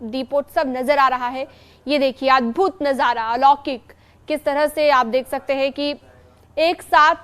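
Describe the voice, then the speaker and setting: A woman news anchor with a high, light voice talks viewers through live pictures in a smooth, even studio delivery. She describes the scenes fluently and passes over to reporters in the field.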